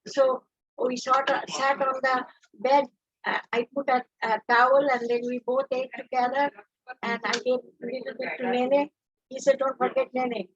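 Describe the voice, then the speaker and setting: A woman recounting her loved one's final days at a memorial gathering, in a halting, unhurried way. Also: high voice, little pitch movement, slightly rough, highs cut off. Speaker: family member remembering the deceased. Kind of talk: personal remembrance.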